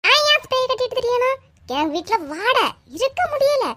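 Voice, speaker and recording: A woman putting on a shrill, fussy young village woman who complains loudly and indignantly, speaking in a Kanyakumari Tamil accent. In this cartoon story her voice is pitched very high and pushed hard. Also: expressive, normal speed, heavily acted.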